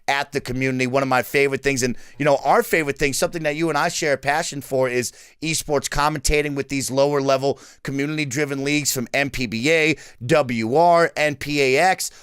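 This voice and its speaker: A man's voice: medium pitch, steady tone, brisk, few pauses, a bit bright, clean tone, no echo, clean studio sound. A man hosting an esports talk show in an upbeat commentary style, pronouncing his r sounds as w. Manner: says w for r.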